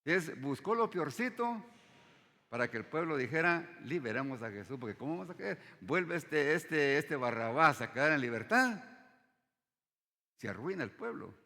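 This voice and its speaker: A man preaching a sermon, often addressing the congregation as brothers and dropping his voice low at the end of phrases. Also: very animated, normal speed, pushed and bright. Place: church hall. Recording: long hall reverb.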